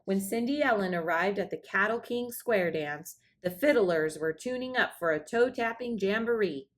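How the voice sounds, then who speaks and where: A woman reads a children's storybook aloud, narrating expressively in a read-aloud style. Her voice is mid-range and her pace moderate.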